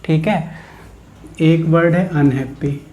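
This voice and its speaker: A man with a slightly high voice and an Indian accent teaches grammar in a classroom style. He explains each term step by step, posing questions and answering them himself. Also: takes it slowly, darkish tone. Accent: Indian English.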